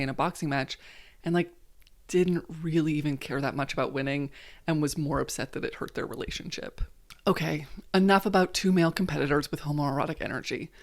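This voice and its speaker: An American woman with a low voice narrates a scripted video essay in a conversational, wry way, dropping in joking self-corrections.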